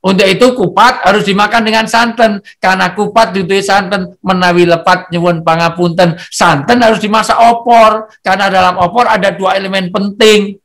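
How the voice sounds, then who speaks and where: A man's voice: high-pitched, fairly even intonation, moderate pace, hardly any pauses, fairly bright tone. A man giving a humorous religious talk at a gathering over a video call, joking and firing off rhetorical questions. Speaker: speaker at a halal bihalal gathering.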